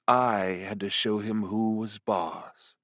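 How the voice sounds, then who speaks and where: A man's voice: fairly low pitch, steady tone, fairly bright tone, no room sound. Lamia, a purring sadistic succubus, voiced by a man. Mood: mocking. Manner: slow, drawn-out purring delivery. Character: sadistic seductive female succubus demon. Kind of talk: audiobook character voice.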